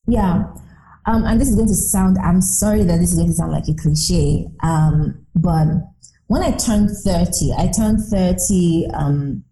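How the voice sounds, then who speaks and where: A woman in her thirties, appearing as an interview guest, speaks reflectively and earnestly, driving her points home through repetition. Her lowish, mellow voice moves a little slowly. The recording sounds roomy and echoey.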